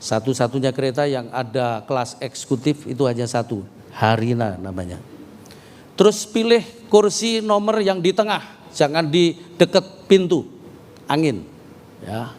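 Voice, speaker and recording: A middle-aged man preaching a sermon, telling stories with humor and swinging from quiet talk to loud, emphatic preaching. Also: medium pitch, lively intonation, measured pace. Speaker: pastor. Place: church hall. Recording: reverberant hall with faint ambience.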